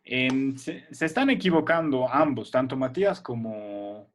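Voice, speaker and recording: A man's voice: mid-range voice, lively intonation, measured pace, slight background noise. Patient man teaching kids online. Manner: patient, explaining step by step with frequent "¿ya?" checks. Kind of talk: online class for children.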